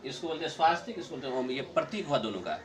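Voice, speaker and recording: A middle-aged man teaching a grammar lesson to a class, explaining slowly, repeating his points and chuckling often. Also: fairly high pitch, big pitch swings.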